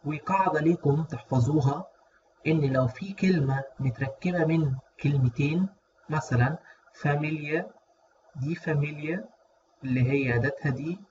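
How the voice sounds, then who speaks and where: A man from Egypt with an Egyptian Arabic accent, giving a casual spoken lesson and repeating words slowly. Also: a little high. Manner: repeats words slowly and drawn out, checks in with listeners. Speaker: German language teacher. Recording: dull lo-fi audio with faint noise.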